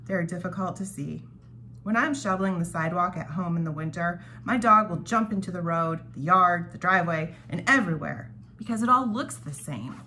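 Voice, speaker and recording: This woman leads a devotional read-along from her dining room, reading prepared reflections with the occasional casual aside. She speaks fairly quickly, with a fairly low pitch and a bright, forceful tone. Background noise is clearly audible in the home recording.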